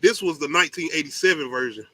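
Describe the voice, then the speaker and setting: A man's voice: a little high, fast talker, a loud crowd, low-quality recording. A man hosting a casual top ten countdown show about movies, talking in a slangy, emphatic way with some swearing.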